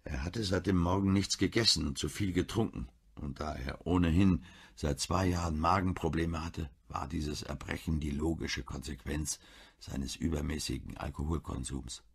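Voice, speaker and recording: Deep, gravelly male audiobook narrator. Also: fairly even intonation, normal speed. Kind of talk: scripted narration.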